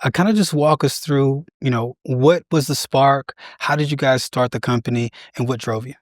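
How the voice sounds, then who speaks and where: A man's voice: medium pitch, normal speed, dry recording, studio quality. A man hosting an interview podcast, upbeat and friendly with short affirmations. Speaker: podcast host.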